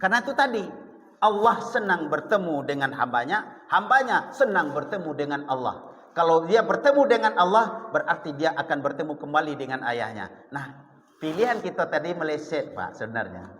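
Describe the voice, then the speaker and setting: Preacher in a reverberant mosque hall. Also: male voice, on the high side, sing-song, normal speed, a bit bright. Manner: asks the congregation questions, acts out dialogue. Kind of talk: mosque sermon.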